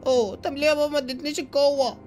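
A young man with an Egyptian accent, excitably hosting and narrating a game movie. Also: extremely high pitch, racing, soft background music. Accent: Egyptian Arabic. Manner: excitable, exclamatory. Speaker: YouTube gamer host.

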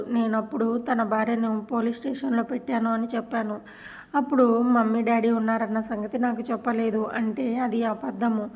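An angry young granddaughter hurls accusations at her family, voiced by a woman narrator. Her voice sits fairly high and flat. She sounds like a character in a told serial story. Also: lightly acted. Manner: shouting accusations.

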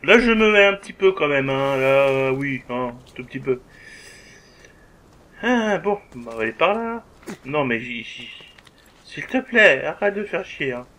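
A man's voice: medium pitch, very animated, unhurried, sharp tone. A man with a swearing, joking manner, giving a let's play commentary and talking back to the game. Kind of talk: gameplay commentary.

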